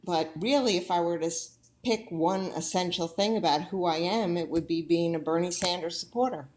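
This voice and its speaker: A woman in her sixties answering interview questions sincerely and deliberately. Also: fairly low pitch, a little mellow. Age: 60s.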